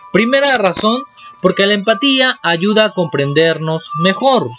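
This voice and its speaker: A man teaching an online primary school class, lively and asking the children questions. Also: fairly high pitch. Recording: dull lo-fi with music behind.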